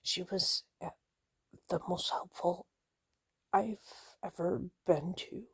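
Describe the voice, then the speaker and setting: A woman whispering a personal vlog, nervous and shaky, halting with many fillers and restarts. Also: lowish voice, darkish tone, slightly rough, no room sound. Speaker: vlogger.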